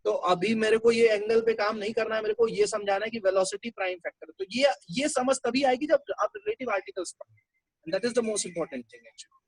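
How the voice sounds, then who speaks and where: A man's voice: high-pitched, animated, moderate pace, slightly rough, dry recording, rough recording. A male teacher giving a classroom lecture, talking conversationally and explaining things step by step.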